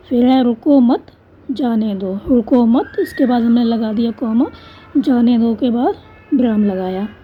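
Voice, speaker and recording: A woman's voice: on the high side, breathy edge. A woman teaching, patiently explaining a school textbook exercise step by step and answering her own questions. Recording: dull lo-fi recording.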